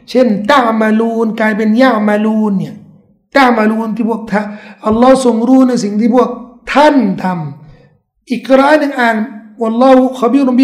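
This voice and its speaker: A man giving a religious lecture, explaining at length with emphatic rises in his voice. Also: very high voice. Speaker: religious teacher. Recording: echoey room.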